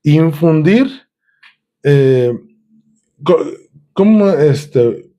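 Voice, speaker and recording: A man delivers a teaching sermon, often asking his listeners questions. His voice sits a little high for a man yet sounds mellow and dark. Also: expressive, extremely slow, highs cut off. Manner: teaching, asks questions to the congregation. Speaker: preacher.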